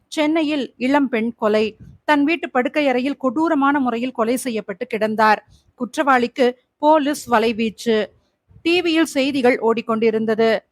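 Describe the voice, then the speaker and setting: A young adult woman reads a thriller novel aloud in a steady storytelling manner. Her voice sits high and the recording is dry and close. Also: no room sound. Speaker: audiobook narrator. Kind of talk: scripted narration.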